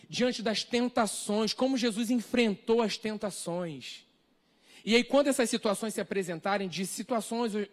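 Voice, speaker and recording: A man with a Brazilian accent preaching a sermon, earnest and full of repeated rhetorical questions. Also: high voice. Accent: Brazilian Portuguese. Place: church hall, live stream.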